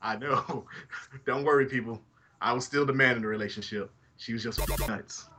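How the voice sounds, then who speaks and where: A man's voice: medium pitch, normal speed, a crowd in the background. A man from Alabama co-hosting a casual fan podcast, with crude, teasing banter. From Alabama, United States. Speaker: podcast co-host. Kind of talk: casual fan podcast chat, reading listener messages.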